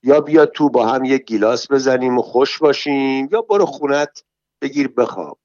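A man's voice: medium pitch, darkish tone, no room sound, highs cut off, close to an everyday voice. A man doing a breezy, tipsy young partygoer. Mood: mocking. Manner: flippant, breezy, mocking. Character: skinny long-haired young man, tipsy and carefree. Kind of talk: audiobook reading.

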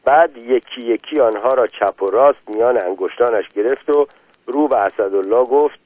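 A man's voice: mid-range voice, no echo. A man narrating a story as an audiobook, reading the narration plainly and giving the characters' lines short voiced turns. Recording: dry, tinny phone-like radio sound.

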